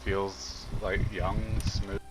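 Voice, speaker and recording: A man's voice: sits low, monotone, drawn-out words, over loud music, low-quality recording. A man narrating as game master for a tabletop game, describing scenes with frequent fillers.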